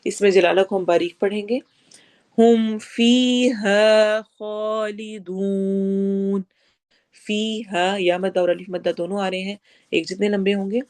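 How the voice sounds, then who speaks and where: A woman with a Pakistani Urdu accent teaching recitation rules, switching between quick explanations and slow modeled readings. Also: medium pitch, little pitch movement, a little mellow. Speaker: Quran teacher.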